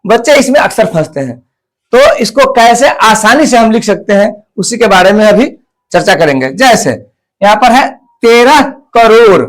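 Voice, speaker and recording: A man with a high voice teaches a math lesson. He talks slowly and deliberately and counts off each step, repeating it so that children can follow. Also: sing-song. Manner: slow, deliberate, repeats place values step by step.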